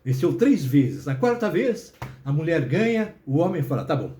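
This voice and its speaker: A man telling a comic story in a chatty, animated way. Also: a little high, moderate pace. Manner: animated, chatty, many tag questions. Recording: roomy echo.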